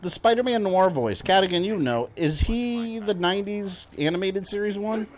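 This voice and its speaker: A man's voice: high voice, expressive, normal speed. A man in his thirties chatting casually as a live streamer, fannish and rambling while he plays. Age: 30s.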